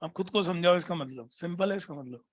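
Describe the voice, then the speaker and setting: A man teaching a biology class, constantly prompting his students with questions and reading textbook lines slowly. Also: high-pitched. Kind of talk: classroom lecture.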